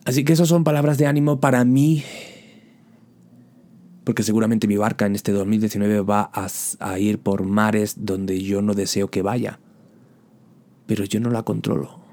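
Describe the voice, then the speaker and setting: A man's voice: lowish voice, steady tone, moderate pace, pauses often, warm tone. A man preaching a sermon in an impassioned way, building his points through repeated rhetorical questions and direct appeals to the listener.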